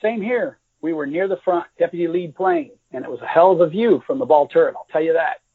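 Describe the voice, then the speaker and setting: A man's voice: a little high, very animated, a little fast, slightly rough, no room sound, full character voice. A man voicing a wry, joking young airman gunner in a book reading. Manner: wisecracking. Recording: dry, tinny phone-like audio.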